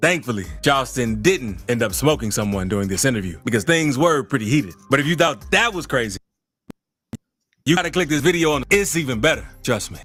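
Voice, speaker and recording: A man's voice: medium pitch, expressive, brisk, fairly bright tone, soft background music. A man narrating a compilation video as a voice-over, with a hyped, persuasive delivery.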